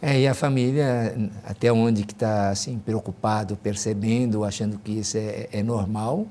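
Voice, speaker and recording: A man hosting a conversation, speaking thoughtfully and haltingly as he searches for words. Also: fairly low pitch, steady tone, dark tone. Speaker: host. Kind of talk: interview conversation.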